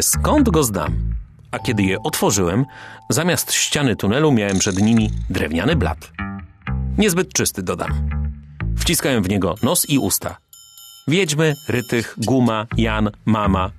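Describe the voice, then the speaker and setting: A man narrating a first-person detective story for a radio audiobook in a wry, expressive way. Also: lowish voice.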